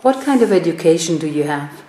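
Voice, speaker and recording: A woman asks her guest short, direct questions in a fairly low voice. The room around her gives back a noticeable echo. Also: lively intonation, brisk, mellow. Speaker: interviewer. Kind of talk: interview questions.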